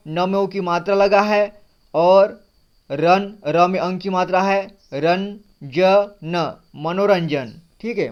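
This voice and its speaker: A man's voice: high voice, clear, resonant tone. A man teaching a reading lesson, sounding out words letter by letter and repeating them. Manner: breaks words into letters and vowel signs, repeats often. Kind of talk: slow word-by-word reading lesson. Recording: slightly dull lo-fi sound.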